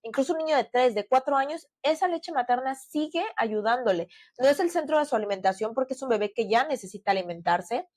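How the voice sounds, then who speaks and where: A woman's voice: a little high, expressive, brisk, hardly any pauses, darkish tone, no room sound. A woman, co-hosting a podcast and telling her story in an earnest, chatty way with many fillers. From Mexico. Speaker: podcast co-host. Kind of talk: casual podcast chat.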